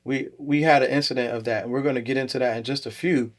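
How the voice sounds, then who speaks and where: A man co-hosts a casual podcast, speaking in a lively, animated way. He tosses in quick asides and often repeats words as he restarts, at a mid pitch. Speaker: podcast co-host. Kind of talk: casual conversation.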